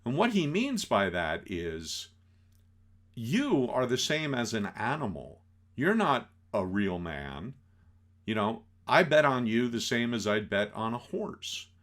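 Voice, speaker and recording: A man explaining an old film scene by scene in a casual lecture, acting out the characters' lines and filling pauses with "you know". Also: medium pitch. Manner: animated, acts out quotes, many fillers.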